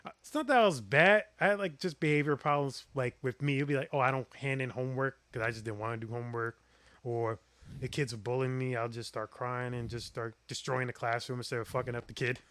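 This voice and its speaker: A man's voice: fairly even intonation, quick pace, fairly bright tone. A young man co-hosting a podcast, rambling through childhood memories with lots of fillers and trailing-off phrases. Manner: rambling, filler-heavy, drops low when thoughtful. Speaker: podcast co-host. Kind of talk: casual chat.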